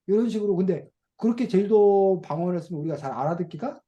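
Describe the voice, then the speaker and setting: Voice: medium pitch, animated, fast, dark tone, lo-fi sound. A teacher running an online reading class for children over a video call, asking questions and playfully acting out dialect phrases.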